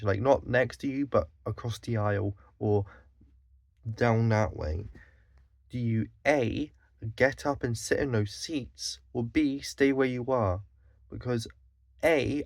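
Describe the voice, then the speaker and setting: A Scottish male vlogger with a medium pitch and noticeable vocal fry talks in a clean recording with no echo. He's blunt and fed up, swearing constantly, sighing, and fixing his own words mid-thought.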